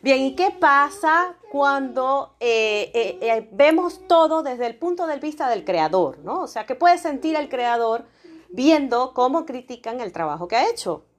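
Lady with a high voice doing kids show host talk, speaking to little ones. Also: very animated, unhurried. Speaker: host of a children's podcast.

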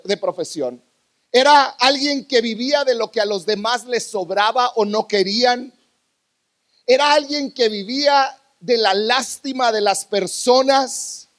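Male preacher, very high voice, dramatic sermon delivery with loud peaks and quiet drops, church congregation. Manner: dramatic, swinging from loud bursts to hushed lows.

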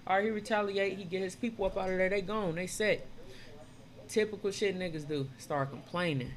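A man casually retelling old stories in street slang, animated and acting out the characters' voices as he goes. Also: sits high, a little fast. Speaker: storyteller retelling Bible stories.

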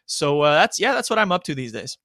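A man who writes as a soccer journalist, chatting as a guest in an easygoing, halting way with many fillers. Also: fairly high pitch, sing-song, sharp tone, no room sound, studio quality. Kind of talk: casual interview chat.

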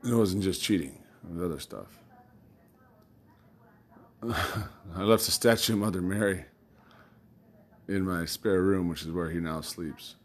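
A man's voice: deep voice, a little slow, long pauses. A man talking casually in a loose, rambling monologue, cursing and chuckling as he recounts things. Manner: loose storytelling with swearing and laughs.

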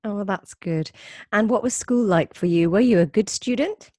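A woman's voice: medium pitch, moderate pace, darkish tone, dry recording. A woman host presenting and interviewing a guest in a conversational, presenter-like style. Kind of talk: scripted introduction and conversational interviewing.

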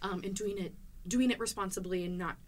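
A young woman hosts in a relaxed, chatty way, backing her guest with quick affirmations. Her pitch sits in the middle, and faint noise hums underneath. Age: 20s. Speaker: podcast host. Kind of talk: casual chat.

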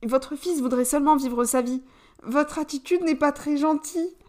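A woman voicing an earnest young man who pleads in a slightly too-high voice in a storybook reading. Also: moderate pace, darkish tone, natural voice. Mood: pleading.

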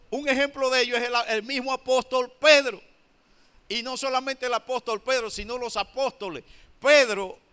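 A man preaching a sermon. His voice is high, bright and very clear. He slows down to stress points and answers his own questions.

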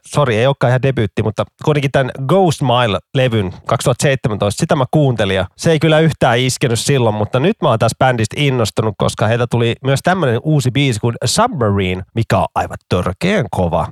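A man's voice: mid-range voice, expressive, few pauses, dry recording. Playful Finnish-speaking man, dry sound. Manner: playful, mimics sounds and accents. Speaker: podcast co-host. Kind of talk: casual music chat.

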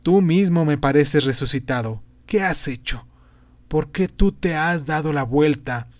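A man's voice: on the high side, unhurried, dry recording, close to an everyday voice. A man reading aloud and voicing a grave, fervent male prophet-sage in a declamatory way. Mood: questioning. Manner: declamatory, exhorting. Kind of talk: audiobook reading.

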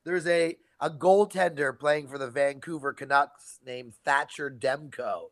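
A man from Canada with a standard American, Californian accent, chatting casually and jokingly in an animated, sarcastic way. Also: medium pitch, unhurried, no room sound. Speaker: studio guest.

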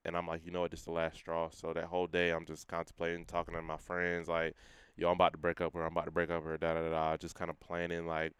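A young man with a very deep, very clear voice tells a personal testimony in a casual interview. He talks earnestly, in everyday slang, and drops his voice when he quotes himself. The sound is dry and close. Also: monotone, fast, few pauses, fairly bright tone, no room sound. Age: young adult. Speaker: guest sharing his testimony.

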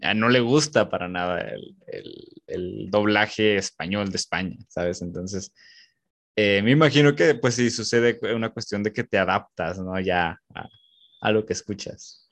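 Low-voiced Mexican man interviewing. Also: a little slow, gravelly, dry recording. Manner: relaxed, laughs along, asks open questions. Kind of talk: casual conversational interview.

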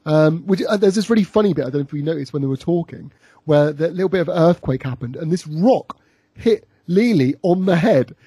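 Guy rambling through an episode recap, warm-ish husky voice, dry room. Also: fairly high pitch, animated, a little fast, no room sound. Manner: rambling, many restarts and laughs. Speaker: podcast co-host recapping an episode. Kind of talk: casual chat.

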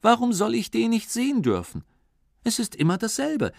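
A man's voice: very high-pitched, wildly swooping pitch, moderate pace, vocal fry, no room sound, studio quality, pitched above the performer's own voice, full character voice. A man doing a whiny little schoolboy. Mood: pleading. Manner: whiny, wheedling. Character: cheeky pleading little schoolboy.

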